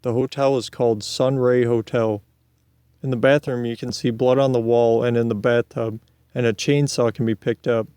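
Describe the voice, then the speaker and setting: A man reading scripted video game narration in a deadpan manner, with casual asides. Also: mid-range voice, normal speed, clean tone, dry recording, clean studio sound.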